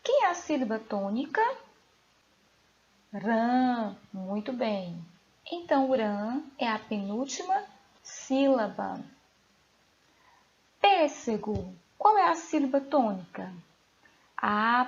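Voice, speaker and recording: A woman with a Brazilian Portuguese accent, a teacher giving a recorded lesson to young pupils, asking them questions slowly and clearly. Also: on the high side, dull audio. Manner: slow, clear, questioning delivery to children. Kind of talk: recorded remote school lesson.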